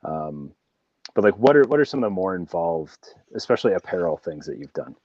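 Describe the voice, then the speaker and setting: Deep-voiced rambling male host, dry sound. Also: big pitch swings, fairly quick, darkish tone, no echo, lo-fi sound. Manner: encouraging, rambling, tags questions with "right?". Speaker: podcast host. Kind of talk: casual interview chat.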